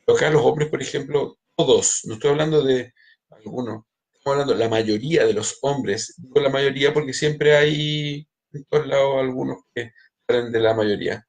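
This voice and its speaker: Gravelly-voiced rabbi. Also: male voice, medium pitch, moderate pace. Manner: many restarts and repeated words, speaks straight to listeners. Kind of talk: spiritual lecture.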